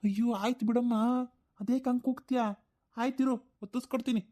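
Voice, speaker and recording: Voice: medium pitch, steady tone, fairly quick, lightly acted. A performer doing a whiny, lazy grown son. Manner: whiny, complaining. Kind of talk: cartoon voice acting.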